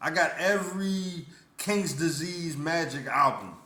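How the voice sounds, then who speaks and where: A man's voice: on the high side, unhurried, bright, forceful tone. Indignant man ranting in a roomy echo. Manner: repetitive, stammering restarts, blunt and indignant. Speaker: vlogger. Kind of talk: casual opinion rant.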